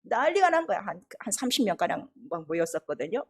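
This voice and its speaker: A middle-aged woman preacher telling a testimony in a sermon, animated storytelling with laughter and acted-out quotes. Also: medium pitch, quick pace, husky.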